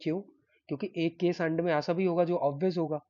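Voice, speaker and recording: Man teaching coding, chatty and repetitive, slightly higher pitch, dull lo-fi recording. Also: fairly even intonation, fast, dark tone. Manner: chatty, repeats himself, checks in with "ठीक है?". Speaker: programming teacher. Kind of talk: live coding lecture.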